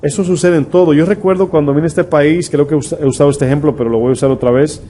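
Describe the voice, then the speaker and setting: A man's voice: on the high side, steady tone, quick pace, warm tone. A middle-aged man, a pastor preaching a conversational sermon full of rhetorical questions to his congregation. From Dominican Republic.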